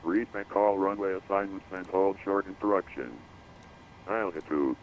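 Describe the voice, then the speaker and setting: Low deep guy on an automated airport weather broadcast, flat repetitive radio readout, kinda muffled. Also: measured pace. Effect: radio broadcast of automated airport information. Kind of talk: recorded airport weather and runway information broadcast. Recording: dull lo-fi radio feed with faint hiss.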